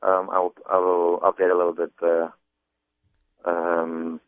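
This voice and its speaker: Halting low-voiced man on a phone line. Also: completely flat delivery, dry recording. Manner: hesitant, many restarts and repeated words. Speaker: comedy album artist. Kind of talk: casual interview talk. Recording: muffled phone-line sound.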